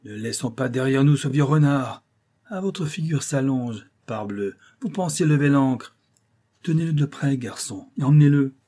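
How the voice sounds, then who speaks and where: A man's voice: medium pitch, animated, moderate pace, dark tone, pitched above the performer's own voice, lightly acted. A man voicing a brutal, menacing ship captain in an audiobook, with harsh, commanding orders. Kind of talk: audiobook character voice.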